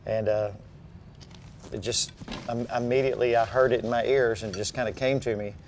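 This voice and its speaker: A man who plays bass in a band, casually telling stories over lunch. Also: fairly even intonation, a little fast, a little hiss or hum. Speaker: bass player, band member. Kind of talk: casual storytelling. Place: restaurant.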